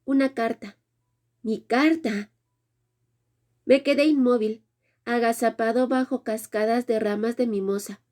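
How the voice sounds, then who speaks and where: Mellow woman reading a story aloud. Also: fairly high pitch. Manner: measured, dramatic reading. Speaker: audiobook narrator. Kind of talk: first-person audiobook narration.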